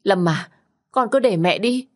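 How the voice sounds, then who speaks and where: A woman's voice: fairly low pitch, moderate pace, darkish tone, slightly rough. A woman voicing a scheming middle-aged stepmother who pleads with her son, tearful and insistent. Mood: tearful begging.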